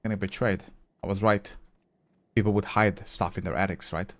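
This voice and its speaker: A man with a slightly low voice streaming a game live. He chats loosely with his viewers between moves and thinks out loud about what to try next, dropping the odd curse along the way. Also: steady tone, moderate pace. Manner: chatty, answers viewer chat while playing; swears casually, thinks aloud. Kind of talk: casual live gameplay commentary.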